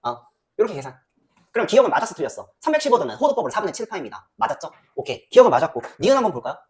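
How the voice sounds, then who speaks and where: Quick questions fly constantly from a woman teaching a math class, and she mutters under her breath as she calculates. Her lecturing voice is highly animated, its pitch swinging widely from line to line.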